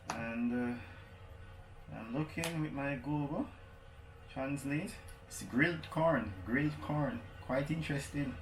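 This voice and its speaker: Male food vlogger, Jamaican accent, slow casual delivery in short phrases, roomy noisy recording with crinkling. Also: medium pitch. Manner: unhurried, pausing between short phrases. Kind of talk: casual food review chat. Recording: echoey room with crinkling handling noise.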